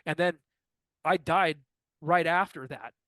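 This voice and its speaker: A man's voice: on the high side, slow pace, no room sound. A man in his fifties, a guest in an interview, telling a long personal story and acting out what others said. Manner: animated anecdotal storyteller who acts out quoted dialogue.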